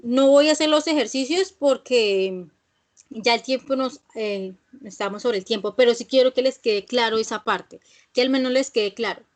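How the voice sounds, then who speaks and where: A woman's voice: a little high, normal speed. A woman teaching an English grammar class, explaining patiently and checking in with "¿sí?" after each point.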